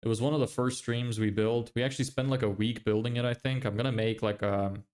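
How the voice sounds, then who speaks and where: A man chatting through a live-stream Q&A, reading questions from the chat and answering them offhand. His voice sits at an ordinary middle pitch for a man. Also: fairly even intonation, fairly quick, darkish tone. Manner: reads chat questions aloud, then answers loosely.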